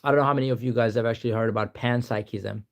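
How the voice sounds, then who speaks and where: This is a young Pakistani man racing along in a steady, medium-pitched voice while chatting casually on a live stream. Rambling and reading answers aloud, he frequently says "to be honest."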